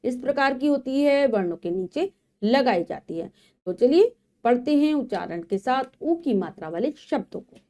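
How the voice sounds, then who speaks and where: A woman teaching young children to read, spelling words out letter by letter and then briskly explaining to the class. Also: a little high, lively intonation, mellow. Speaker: primary school Hindi teacher. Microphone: voice-over for a video lecture.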